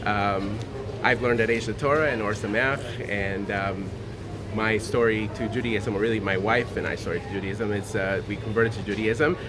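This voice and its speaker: A man's voice: on the low side, steady tone, normal speed, background noise. A man from Honduras giving an earnest, informal talk as a guest speaker, with many fillers and restarts. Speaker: guest speaker sharing a Torah thought.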